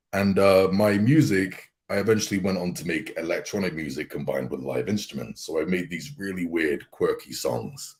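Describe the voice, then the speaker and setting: A guest voice actor with a very deep voice tells his story in a relaxed, casual chat, laughing easily.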